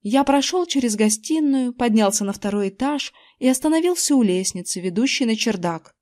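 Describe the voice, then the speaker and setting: A woman narrating a children's book aloud in the first person, expressive and lively. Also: on the high side, moderate pace. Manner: expressive, acting out a boy's first-person story. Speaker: audiobook narrator. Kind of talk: scripted narration.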